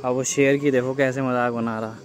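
A man's voice: mid-range voice, flat delivery, normal speed. A young man from India filming a casual vlog outdoors on his phone, chatting and teasing his friend as he walks around. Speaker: vlogger. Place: outdoors at a hillside restaurant and park. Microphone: handheld phone. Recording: outdoor phone audio with clear background noise.

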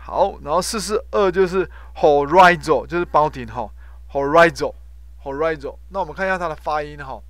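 Male professor, higher voice, dry close sound, drills pronunciation by repetition. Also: normal speed, dry recording. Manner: drills pronunciation by loudly repeating words, frequent "ha" tag. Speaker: professor teaching English word roots. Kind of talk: classroom vocabulary lesson.

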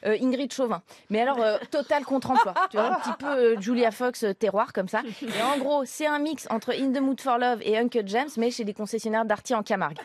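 A woman voicing a pushy, hyperactive film producer who fires off ideas in a brash, excitable way. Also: fairly high pitch, brisk, few pauses, no echo, close to an everyday voice.

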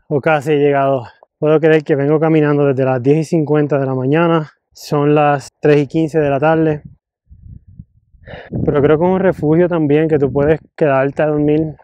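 Fairly high in pitch and mellow, this travel vlogger's voice carries no room sound. He walks mostly outdoors on mountain hiking trails, narrating into a handheld camera in a chatty, casual style. The recording itself is dull and noisy from being outdoors and handheld.

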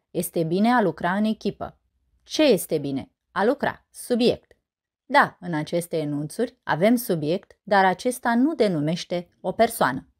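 A Romanian-accented woman reading a scripted grammar lesson, asking and answering her own questions in a clear, measured way. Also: lowish voice, a little mellow. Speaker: teacher presenting a grammar lesson.

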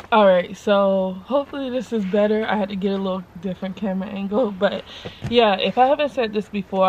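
A woman's voice: medium pitch, a little mellow, lo-fi sound, a little hiss or hum. A woman talking casually in a family vlog, chatty and rambling with slangy asides, filmed in and around her van on a tripod camera. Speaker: mom vlogger.

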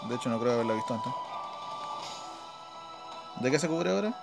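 A gravelly, mid-range male voice delivers expressive gameplay commentary at normal speed. The speaker, a gaming video host with a Chilean Spanish accent, keeps it informal and reasons aloud as he plays. Game music sits behind him.

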